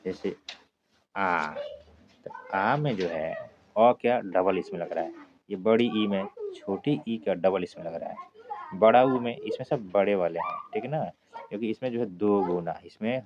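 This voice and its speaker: A man's voice: lowish voice, measured pace, long pauses. A male teacher giving a step-by-step grammar lesson for exam students, often checking in with "okay?" as he goes. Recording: dull lo-fi sound with clear background noise.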